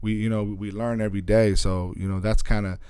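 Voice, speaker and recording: A man's voice: on the low side, level tone, quick pace, warm tone, clean tone, no echo. A man from Arizona, a DJ and radio station owner, talking loosely as a guest in an interview and often adding "you know what I'm saying.". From Arizona, USA. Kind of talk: casual interview talk.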